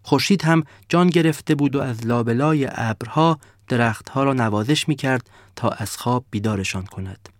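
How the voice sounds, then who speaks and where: A man narrating a children's story in a calm, measured reading voice. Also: mid-range voice, dry recording, studio quality.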